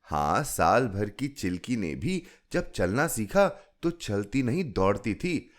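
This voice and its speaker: A man narrating a short story in an expressive, unhurried storytelling manner. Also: lowish voice. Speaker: podcast narrator.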